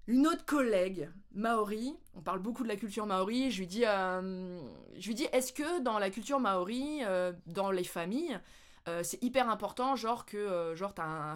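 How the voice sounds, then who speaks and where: A French woman vlogging, telling anecdotes in a casual, animated way with lots of laughter. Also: mid-range voice. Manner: animated, laughing, with playful English mimicry. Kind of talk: casual storytelling.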